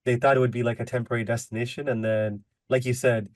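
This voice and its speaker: A man's voice: mid-range voice, little pitch movement, quick pace, dry recording. Guy hosting a podcast, laid back, mid voice, dry close sound. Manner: easygoing, says "like" and "kind of" a lot. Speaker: podcast host. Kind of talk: casual interview talk.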